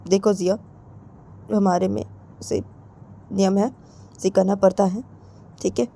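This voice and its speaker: A soft-spoken young bride, as a woman narrator plays her, pleading in a hushed, mellow voice that drops near a whisper. The delivery stays quiet and earnest throughout. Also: mid-range voice, little pitch movement, unhurried, gravelly.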